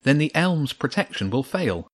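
A man's voice: medium pitch, sing-song, normal speed, voice pushed up. A man voicing a bold, worried schoolgirl in a children's story. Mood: urgent.

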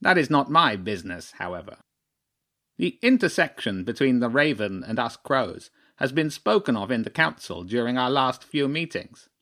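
A man voices a stern, shrewd old crow who chairs proceedings in a storybook, delivering clipped, formal, pompous pronouncements in a measured way. His mid-range voice has a sharp tone and big pitch swings at a normal speed.

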